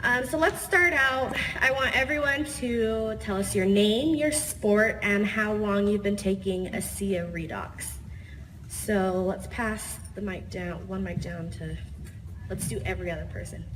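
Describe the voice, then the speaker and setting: A woman's voice: mid-range voice, a little slow, fairly bright tone, slight background noise. A woman moderating a live athlete panel, upbeat and dotted with fillers. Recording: reverberant event hall.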